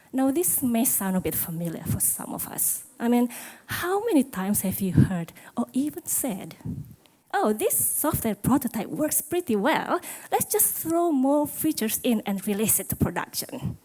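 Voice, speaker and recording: The audio quality is poor as a middle-aged conference speaker talks in a hall with a slightly high yet dark-toned voice. She quizzes the audience with questions and pokes fun at herself.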